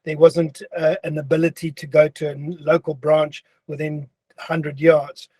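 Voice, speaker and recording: A man's voice: on the high side, level tone, measured pace, darkish tone, slightly rough, no room sound. A man, a company founder giving an earnest interview statement and repeating phrases for emphasis. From Zambia.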